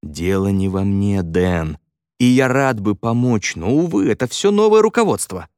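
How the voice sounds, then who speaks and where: A stern, impatient middle-aged foreman, curt and scolding, his voice swinging from low grumbles up to sharp outbursts, as a male narrator plays him. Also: big pitch swings, normal speed, smooth, no room sound, clean studio sound. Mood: resigned.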